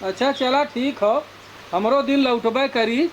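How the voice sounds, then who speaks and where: A man's voice: very high-pitched, measured pace, slight background noise. A man acting a wheedling, hard-drinking village husband, a whining town drunk with an Awadhi accent in a comedy skit. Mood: sulky.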